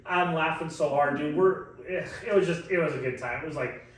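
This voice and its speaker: A man's voice: on the high side, normal speed. A man of forty telling a long story in a casual chat, laughing often and swearing freely. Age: 40s. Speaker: podcast co-host. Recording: echoey room, mic at a distance.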